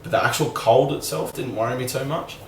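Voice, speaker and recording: Recorded in a roomy space a bit far from the mic, with a faint hum behind him, a young vlogger rambles candidly, saying "like" constantly and swearing mildly. His voice is medium-pitched, brisk and a bit bright.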